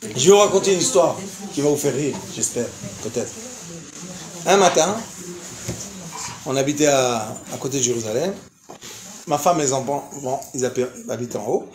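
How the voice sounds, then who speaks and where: Before a crowd in an echoey lecture hall, a rabbi aged fifty or older speaks at a moderate pace with a medium-pitched voice and long pauses. He animatedly acts out a story's dialogue, laughing while telling it, amid crowd noise and faint background hiss.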